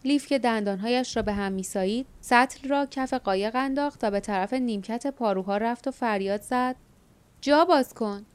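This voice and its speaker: A woman narrating an audiobook in a measured, steady reading. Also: fairly high pitch, clear, resonant tone. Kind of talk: scripted narration.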